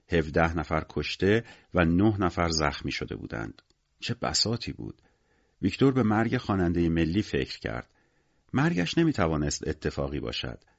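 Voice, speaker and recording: Deep-voiced male audiobook narrator. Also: vocal fry, lo-fi sound.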